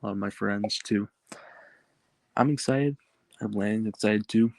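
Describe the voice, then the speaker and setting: Low-voiced young man talking with a retainer in. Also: measured pace, vocal fry, darkish tone, no room sound. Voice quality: slightly impeded speech from wearing a retainer. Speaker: podcast co-host. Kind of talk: casual podcast chat.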